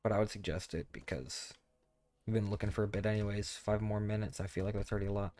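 A man's voice: on the low side, steady tone, quick pace, darkish tone. A man hosting a casual gameplay chat with a friend, rambling and often stammering or repeating words as he talks. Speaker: gaming channel host.

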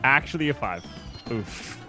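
A man's voice: medium pitch, lively intonation, measured pace, soft background music. A man streaming an online board game with friends, joking and hyping up his dice rolls. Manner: playful hype, teasing commentary. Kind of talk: casual gaming chat.

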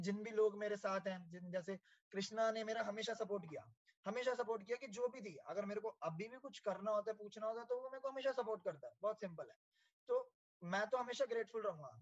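A man speaks in a fairly high voice, earnest and grateful as he shares his experience. He mixes Hindi with English phrases. The audio is dull and lo-fi. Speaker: sales manager sharing his experience. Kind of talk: heartfelt testimonial talk.

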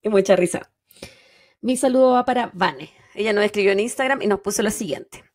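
Woman cohost, mid voice, quick teasing quips. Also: mid-range voice, darkish tone. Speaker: podcast co-host. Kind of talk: casual chat.

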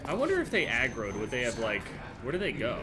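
A man's voice: medium pitch, huge pitch swings, fast. A man giving casual gameplay commentary, swearing and muttering his thoughts aloud over game sound. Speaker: gamer playing and commenting on a horror game. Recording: clear game noise behind the voice. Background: video game sound.

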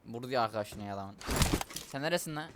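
Excitable young man over loud gunfire. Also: mid-range voice, fast talker, heavy background noise. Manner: excitable, shouts and mutters at enemies. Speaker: gamer streamer. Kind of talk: live gameplay commentary. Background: game gunfire and vehicles.

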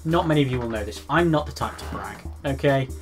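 A man co-hosting a casual gaming podcast talks in long rambling runs full of ums and restarts. He teases his co-host now and then. Faint music plays softly under the talk. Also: mid-range voice, expressive, fast talker. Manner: rambling with many fillers and restarts, teasing. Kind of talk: casual chat.

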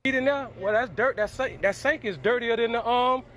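A man's voice: extremely high pitch, fairly quick, fairly bright tone, a little hiss or hum. A man speaking bluntly and confrontationally outdoors, in a news interview and phone footage. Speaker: interviewee confronting restaurant staff.

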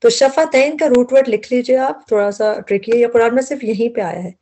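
A woman's voice: a little high, a little fast, dark tone. A woman teaching a word-by-word Quran lesson, patiently explaining root words and repeating herself as she goes.

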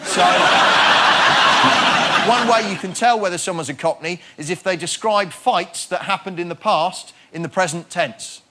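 A man's voice: high voice, moderate pace, a bit bright, a little hiss or hum. A man making his case on a comedy panel show in an incredulous, ranting mocking manner. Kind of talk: comic stand-up argument.

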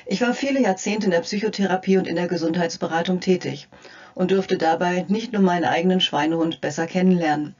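A woman's voice: lowish voice, fairly quick, muffled recording. Friendly older woman health coach. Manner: friendly, addressing the viewer directly, gently playful. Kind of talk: scripted narration to camera.

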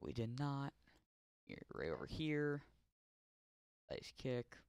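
A young man casually commenting on his gameplay, chatting to in-game characters and yelling curses when startled. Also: medium pitch, sing-song, slow pace, smooth, no room sound. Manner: yells and swears when startled. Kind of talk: casual let's-play commentary.

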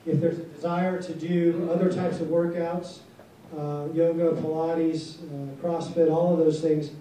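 A man leading a town hall meeting as base commander, answering questions in a measured, formal, plainspoken way before a seated audience. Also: on the high side, flat delivery, mellow. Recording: echoey hall from far off, faint noise.

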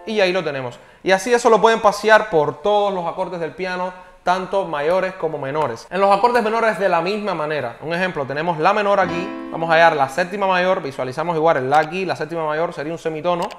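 Un hombre que da una clase de piano por video, explica paso a paso y pregunta "¿ok?" a cada rato. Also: male voice, high-pitched, brisk. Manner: explanatory, checks in with frequent "¿ok?". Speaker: piano teacher. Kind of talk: online piano tutorial.

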